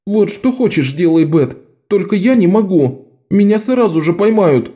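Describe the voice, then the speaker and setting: A man's voice: big pitch swings, unhurried, dark tone. A man voicing a frightened, stubborn little boy who whines and protests. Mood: whiny. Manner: whining, desperate, high-pitched.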